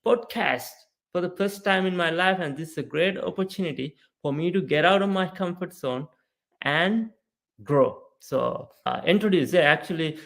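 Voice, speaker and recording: A Sri Lankan man in his thirties, a mindset coach appearing as a podcast guest, tells his story in a casual interview. He is earnest and animated, often tossing in "right?" and "you know," with a high voice, vocal fry and a moderate pace.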